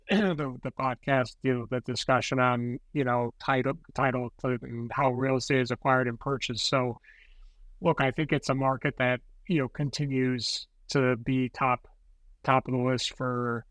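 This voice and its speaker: A man, a real estate advisor on a podcast, speaking in a measured way with repeated "look" and "you know". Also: medium pitch, fairly bright tone, clear, resonant tone, dry recording, rough recording. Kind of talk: podcast interview answer.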